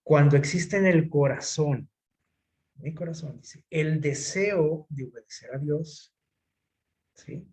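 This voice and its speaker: A man's voice: a little high, slow, a little mellow. A man preaching a sermon in a conversational way, often putting rhetorical questions to his listeners. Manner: conversational, asks the audience frequent rhetorical questions.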